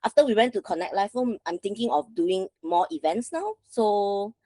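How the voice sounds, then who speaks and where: A woman chats as a guest on a casual livestream. She sounds lively and laughs between points. Her pitch rises and falls a lot, and the sound is dry and close. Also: normal speed, dry recording. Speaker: guest local guide.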